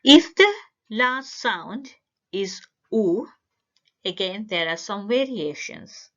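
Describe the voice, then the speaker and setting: A woman teaches a language lesson, laying out each grammar rule slowly and deliberately, often pausing to spell out single sounds. Her voice sits at a middle pitch. The recording is a little dull and lo-fi. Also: expressive, fairly bright tone. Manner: careful, deliberate word-by-word delivery. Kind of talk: slow instructional explanation.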